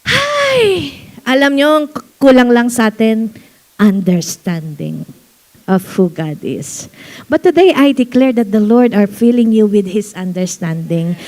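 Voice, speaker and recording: Lively high-voiced woman preaching. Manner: animated preaching mixing Tagalog and English, reads verses slowly, laughs often. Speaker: pastor. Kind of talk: sermon. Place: church.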